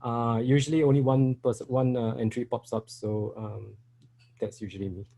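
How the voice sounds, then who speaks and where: A middle-aged Singaporean man with a Singaporean English accent gives a conference talk at a developer meetup. His mid-range voice is gravelly and dark, level in tone, at a moderate pace, and he's hesitant, with many fillers and restarts.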